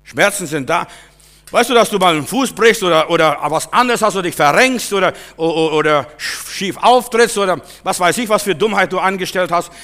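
Bright-voiced preacher man, fervent and dramatic. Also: expressive, a little fast. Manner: swings from loud, high exclamations to quiet, low asides; repeats words and restarts sentences in fervor. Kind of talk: sermon.

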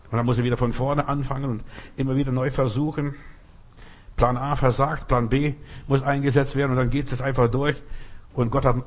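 Brief: male preacher, husky tone, lively sermon that speaks to the listener directly. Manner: addresses listener directly, vivid everyday images, lively shifts in pitch and loudness. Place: Berlin.

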